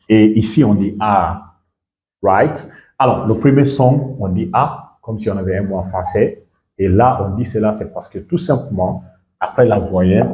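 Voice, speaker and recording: A man's voice: on the low side, darkish tone. A man teaching an English pronunciation lesson, moving between English and French and often checking in with "right?" and "ok?". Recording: echoey room.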